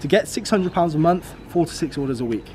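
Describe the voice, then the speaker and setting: A man's voice: a little high, expressive, fast talker, warm tone, a little hiss or hum. A British man in his twenties gives an upbeat, casual motivational vlog outdoors, repeating his key numbers. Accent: British English. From United Kingdom. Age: 20s. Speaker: vlogger. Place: outdoors beside a car.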